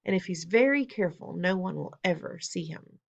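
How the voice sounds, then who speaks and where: A woman's voice: fairly low pitch, expressive, brisk, creaky, pitched above the performer's own voice. A woman reading aloud, voicing a clever young boy who has been turned into a mouse, eager and reasoning.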